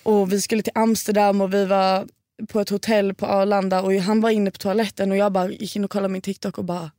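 A young woman in her twenties, a podcast guest, telling a story in animated casual chat and swearing freely. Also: medium pitch, no room sound, studio quality.

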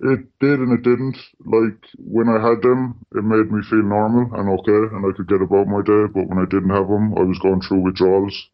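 Here a man talks at normal speed with few pauses and little variation in pitch. He's an anonymous radio interviewee whose voice is deepened and disguised by distortion, and he sounds plain and matter-of-fact, frequently using "like" and "you know" over dull, lo-fi audio.

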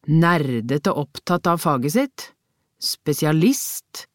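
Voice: mid-range voice, animated, no room sound, lightly acted. A reader doing a thoughtful male detective who talks in an eager, musing way. The sound is close and dry, like a plain studio audiobook read. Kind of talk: audiobook character voice.

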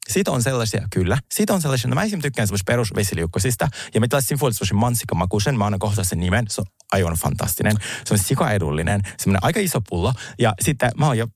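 A man co-hosting a relaxed podcast chat, animated and quick to laugh, now and then slipping into English phrases. His voice rises and falls a lot as he talks. The sound is close and dry, with no room around it. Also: lowish voice, dry recording. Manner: lively, laughs often, mixes in English phrases. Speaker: podcast co-host. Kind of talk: casual chat.

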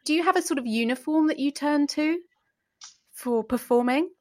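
A woman's voice: high voice, moderate pace, a little mellow. A woman hosting an interview podcast, friendly and playful, laughing along with her guest. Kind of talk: conversational interview.

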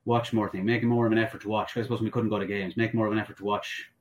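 A man from the west of Ireland with the accent to match and a fairly low voice. He talks in a casual discussion style, hesitating and rewording his thoughts as he rambles along. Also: level tone, racing. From Sligo, west of Ireland. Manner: hesitant, rambling, self-correcting.

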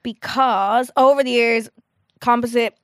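A woman's voice: a little high, fairly even intonation, a little slow, no echo. Young irish woman, podcast co-host, slight lisp, chatty storyteller, dry close sound. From Ireland. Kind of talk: casual chat.

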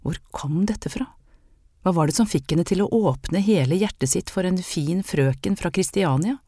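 Calm, measured audiobook narrator. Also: mid-range voice, dry recording, clean studio sound.

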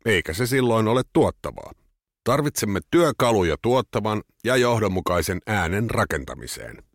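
A man narrating a scripted essay for his podcast in a measured, reflective way. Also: on the low side, sing-song, no echo, clean studio sound.

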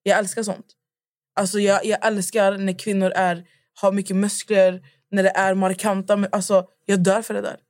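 Young woman, podcast co-host, lively storyteller who plays both parts; dry close sound. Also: mid-range voice, no echo. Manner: animated storyteller, acts out both sides of chats. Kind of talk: casual chat.

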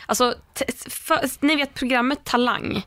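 A woman co-hosting a podcast, chatting casually and telling an animated story, swearing freely. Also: high voice, slight background noise. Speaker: podcast co-host. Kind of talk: casual chat.

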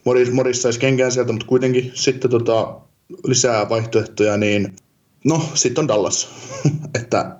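A man's voice: medium pitch, steady tone, a little mellow. A man co-hosting a casual podcast chat, rambling and thinking aloud with lots of fillers. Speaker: podcast co-host. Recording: dull lo-fi sound.

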